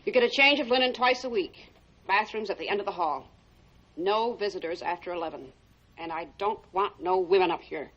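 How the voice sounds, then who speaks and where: Brusque, bright-voiced American boarding-house landlady, played by an actress. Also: mid-range voice, brisk, highs cut off, lightly acted. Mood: brisk, stern. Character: curt, suspicious, thrifty boarding-house landlady. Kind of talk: film drama acting.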